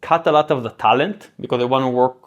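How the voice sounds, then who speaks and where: An Israeli man in his thirties with a Hebrew accent chats casually as an interview guest, relaxed and full of fillers and restarts. He has a medium-pitched voice and talks fast, and the audio sounds dull.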